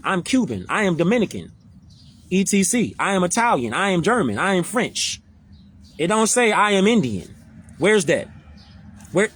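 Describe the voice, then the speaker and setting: Casual host, high animated voice, preachy and slangy. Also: male voice, slight background noise. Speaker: social media commentator. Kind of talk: casual live-stream talk, reading definitions aloud.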